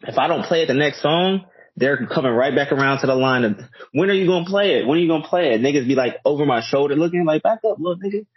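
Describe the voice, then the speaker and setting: A man co-hosting a podcast, telling rambling, relaxed stories over an echoey internet call. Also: a little high, fast talker, husky, lo-fi sound. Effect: internet call audio with echo. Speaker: podcast co-host and DJ. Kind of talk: casual chat. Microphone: internet video call.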